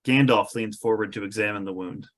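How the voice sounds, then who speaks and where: A man with a fairly low-pitched voice narrates scripted stage directions for a fantasy screenplay, in a measured storytelling style.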